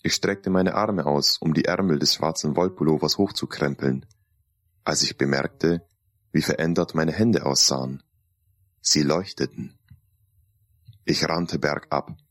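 A man calmly narrating a first-person story in a deliberate storytelling manner. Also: rumbling low, no echo, studio quality.

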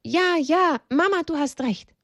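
A woman's voice: sits high, lively intonation, unhurried, dry recording, clean studio sound, voice pushed up. Woman doing a small tearful animal boy. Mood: pleading. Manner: pleading, tearful, childlike.

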